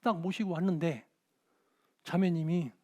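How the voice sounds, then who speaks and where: High-voiced animated Korean pastor. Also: male voice, unhurried. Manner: animated storytelling, shouting out quoted dialogue. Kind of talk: sermon with dramatized anecdotes.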